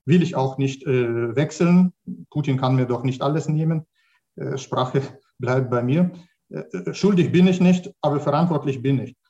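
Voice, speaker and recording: A man's voice: medium pitch, moderate pace, dark tone, lo-fi sound. A middle-aged native Russian speaker, a man with a Russian accent, speaking spontaneously on a discussion panel and searching for words with repeated starts. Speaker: academic panelist.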